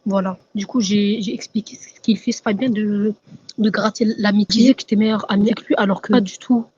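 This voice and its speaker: A young woman giving a halting, stammering testimony over a dull, lo-fi mic. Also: mid-range voice, steady tone, dark tone, slightly rough. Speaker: testimony giver.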